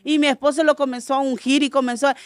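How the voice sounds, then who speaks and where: High-voiced woman giving an earnest testimony. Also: little pitch movement, quick pace, no echo. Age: adult, mother of a school-age son. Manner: earnest, acts out quoted dialogue. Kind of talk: conversational faith testimony. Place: radio studio.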